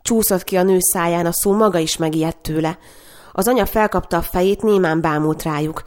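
Low-voiced woman reading a story. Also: a little mellow. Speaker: narrator.

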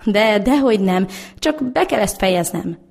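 Woman reading as a shy, gentle young servant girl. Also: mid-range voice, expressive, creaky, slightly rough. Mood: bashful. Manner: gentle, bashful.

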